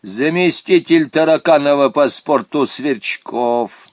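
A man's voice: a little high, slow, no echo, studio quality, voice pushed up. A man voicing a strict, bureaucratic caller on the telephone in a storybook. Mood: stern. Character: stern officious phone caller, man.

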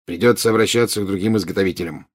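A man voicing a calm, sober adult wizard. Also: sits low, very fast.

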